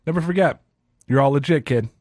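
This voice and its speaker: A man in his thirties runs a solo sports podcast, ranting in a casual, self-deprecating manner. His voice is a little high with a darkish tone, and he speaks fairly quickly.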